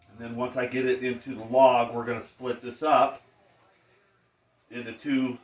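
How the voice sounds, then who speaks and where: A man's voice: medium pitch, little pitch movement, moderate pace. A man hosting a casual cooking demonstration, talking in laid-back stoner slang. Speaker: cooking show host. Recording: roomy, distant mic, faint noise.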